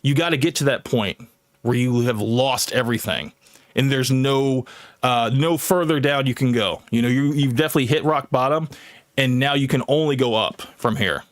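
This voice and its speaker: A man's voice: medium pitch, normal speed, dry recording, clean studio sound. A man arguing his views bluntly in a live online debate, often repeating himself.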